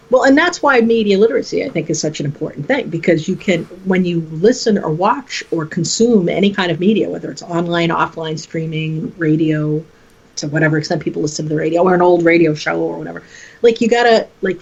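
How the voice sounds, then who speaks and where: A woman's voice: fairly low pitch, darkish tone, husky. A woman, a teacher and guest on a podcast, talking in a chatty, earnest way about old media. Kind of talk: casual chat. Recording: dull, lo-fi sound.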